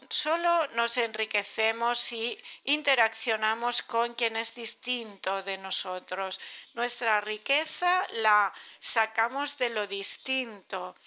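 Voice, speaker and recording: A woman giving a live interpretation of a conference talk, halting at times and correcting herself as she goes. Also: a little high, bright, forceful tone. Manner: halting, with pauses and self-corrections.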